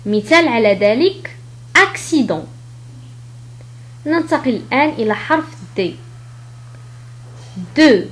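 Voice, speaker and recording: A woman teaching French pronunciation in a lesson, explaining letter rules and repeating each example word slowly. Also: fairly high pitch, animated.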